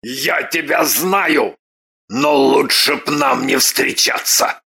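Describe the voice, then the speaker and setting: Woman as proud, gruff male mage baron for a storybook; slow, husky delivery. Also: bright, forceful tone, full character voice. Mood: haughty. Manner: gruff, arrogant, lowered voice. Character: haughty ancient male baron mage Dirk.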